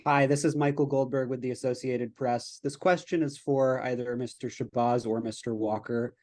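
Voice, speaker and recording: A man's voice: medium pitch, steady tone, normal speed, darkish tone, dry recording. Reporter guy asking his question, polite, a bit hesitant, dry sound. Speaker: news reporter. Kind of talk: asking a question at a press conference.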